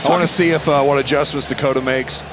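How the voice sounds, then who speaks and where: A man's voice: fairly high pitch, fairly even intonation, fast. A man giving conversational live play-by-play as a fight commentator, often repeating his phrases. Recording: noisy venue with crowd behind.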